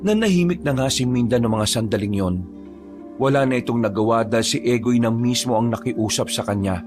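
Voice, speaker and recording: Male storyteller, horror narration, steady and measured, mid pitch, faint music behind.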